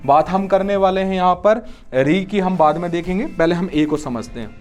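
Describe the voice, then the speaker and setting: Male teacher, young, high-pitched, explanatory exam-prep lecture style, frequent rhetorical questions. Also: normal speed, a little mellow, faint music behind.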